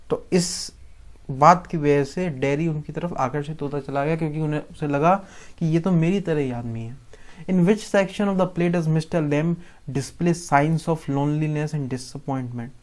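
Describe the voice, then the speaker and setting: A man's voice: on the high side, darkish tone. A man teaching a class, mixing English into his explanation and acting out lines from a play. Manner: mixes English into his talk, acts out lines.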